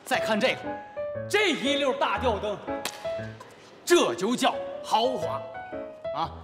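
Brief: a swaggering young groom; high, lively voice; hall reverb and music underneath. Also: male voice, slow, full character voice. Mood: boastful. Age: young adult. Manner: boastful, showy, exclaiming. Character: boastful young groom showing off. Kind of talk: TV drama acting.

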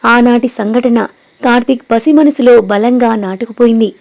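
Mellow-voiced woman narrating a story. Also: a little high, normal speed. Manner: expressive storytelling.

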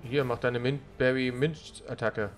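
Ein Mann kommentiert als Let's Player locker und beiläufig ein Spiel. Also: male voice, mid-range voice, steady tone, unhurried. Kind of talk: casual gaming commentary. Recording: faint game music behind. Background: video game music.

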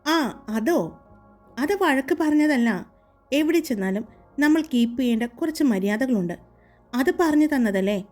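A woman voicing a hot-tempered young man, a blunt, protective boss, in a firm, teasing, lower-pitched delivery for a romance audiobook. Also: animated, moderate pace, pauses often, a little mellow, faint music behind.

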